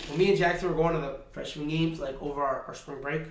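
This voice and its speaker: A man's voice: a little high, fairly even intonation, fast, distant mic, slight background noise. A teenage boy co-hosting a casual podcast, rambling with lots of fillers and saying "bro" often. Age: teens. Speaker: podcast co-host. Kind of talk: casual chat. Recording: roomy echo, off-mic.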